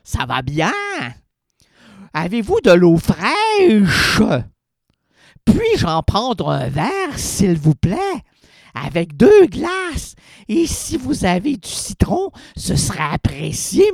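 A prim, fussy patron, as a radio host puts him on orders water with slow, loud, overdone articulation. The voice sits high and gravelly, close and dry to the mic. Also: male voice, huge pitch swings, no echo, heavily acted. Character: overly polite man ordering water abroad.

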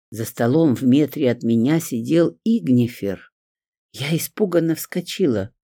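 A man narrating a fantasy audiobook in an expressive storytelling manner. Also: a little high, no echo, clean studio sound.

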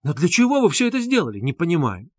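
A man's voice: on the high side, sing-song, moderate pace, darkish tone, slightly rough, no echo, clean studio sound. A man doing Lebezyatnikov, a heated young witness. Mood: indignant. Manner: heated, insistent, repeating himself. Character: excitable indignant young man, earnest witness.

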